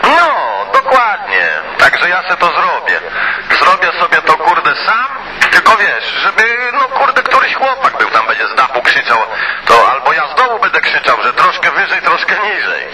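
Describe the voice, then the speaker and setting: A CB radio hobbyist chats casually over a two-way CB conversation, rambling colloquially with filler phrases and mild swearing. His voice is a little high and very animated at a normal speed, heard through a noisy CB radio transmission.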